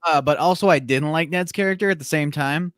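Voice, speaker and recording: Chatty young man, higher voice. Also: a little fast, no room sound, studio quality. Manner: chatty, many "like" fillers, mimics characters in a loud voice. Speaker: podcast co-host. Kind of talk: casual movie review chat.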